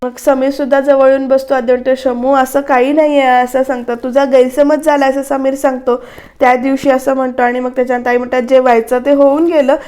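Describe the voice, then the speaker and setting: High-pitched, flat woman recapping a serial. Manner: retells scenes, quoting characters' lines in a conversational way. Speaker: TV serial reviewer. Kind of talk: voice-over episode recap.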